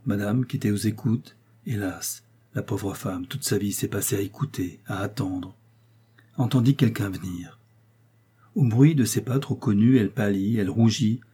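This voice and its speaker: A man reads a classic tale aloud in a measured storytelling manner. His voice sits low and a little husky, with a dark, mellow tone. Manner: measured storytelling, voicing characters. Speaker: audiobook reader. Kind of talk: literary audiobook narration.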